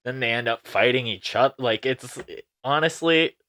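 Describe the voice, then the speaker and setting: A man co-hosting a podcast in casual chat, talkative and quick to laugh, retelling scenes with animation. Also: mid-range voice, bright, forceful tone. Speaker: podcast co-host.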